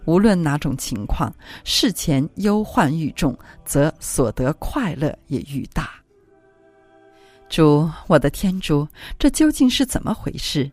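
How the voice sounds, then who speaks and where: A woman reading a religious classic aloud as an audiobook, with solemn, devotional and expressive phrasing. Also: deep voice, unhurried, no room sound. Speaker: audiobook reader. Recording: dry close recording with faint music.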